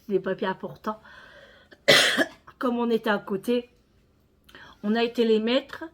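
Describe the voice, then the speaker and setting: A French woman talks to her followers in a relaxed, chatty home vlog. Her voice sits a little high, and she keeps calling her viewers friends as she shows them around. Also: measured pace. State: out of breath. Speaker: vlogger. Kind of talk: casual vlog chat to viewers.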